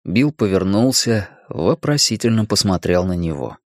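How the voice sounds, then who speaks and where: A man reading an audiobook in a measured, steady way, dropping lower on the grim lines. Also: no echo, studio quality. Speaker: audiobook narrator. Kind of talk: scripted narration.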